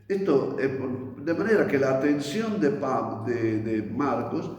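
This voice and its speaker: A man slowly teaching a Bible lesson in a reflective way, with many restarts and pauses. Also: medium pitch, lively intonation, a little mellow, lo-fi sound. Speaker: priest teaching a Bible study. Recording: echoey hall with faint music.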